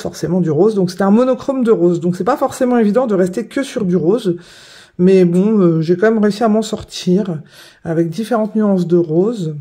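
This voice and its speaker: A woman's voice: medium pitch, warm tone. A woman casually presenting her finished coloring pages, hesitant, with many fillers and self-corrections. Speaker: coloring hobby vlogger. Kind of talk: casual show-and-tell.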